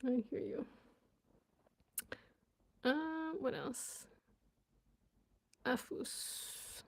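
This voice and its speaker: A woman's voice: a little high, a little slow. A young woman chatting casually on a live stream, giggling and sounding out words as she learns them. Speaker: vlogger and language learner.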